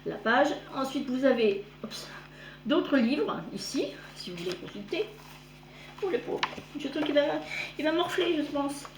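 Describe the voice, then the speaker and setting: A middle-aged woman showing her sewing and embroidery gifts in a chatty, halting way, with many fillers and self-corrections. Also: high voice, expressive, roomy sound, a little hiss or hum. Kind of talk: casual show-and-tell.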